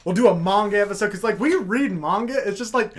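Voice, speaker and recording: A man's voice: high voice, lively intonation, fast. A man from Oklahoma co-hosting a podcast in casual chat, laughing often and dropping in short agreeing replies. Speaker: podcast co-host.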